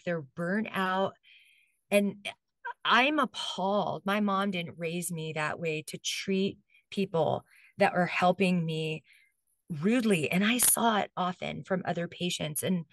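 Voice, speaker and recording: A woman's voice: lowish voice, a bit bright, dry recording. A woman from Hawaii, a guest in an interview, talking in a rambling, heartfelt way with many asides and close to tears. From Hilo, Hawaii. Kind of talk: casual interview talk.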